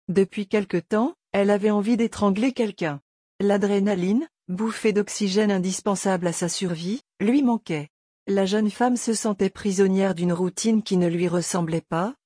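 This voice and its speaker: A woman narrating a novel in a steady, measured audiobook style. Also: mid-range voice, no room sound, clean studio sound.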